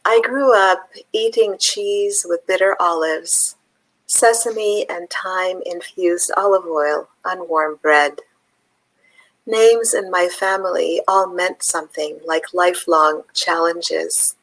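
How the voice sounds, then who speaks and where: This is a woman poet from Palestine with a lower voice and an unhurried pace. She muses in a thoughtful way, pausing and using fillers. Then she reads her own verse aloud. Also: a bit bright, rough recording. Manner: slow, thoughtful, with pauses and fillers. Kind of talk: conversation and poetry reading.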